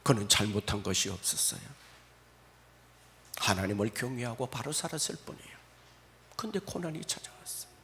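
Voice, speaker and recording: A man preaching a Sunday sermon at a church service, dramatic, swinging between loud exclamations and hushed asides. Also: mid-range voice, lively intonation, a little fast, pauses often. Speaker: pastor.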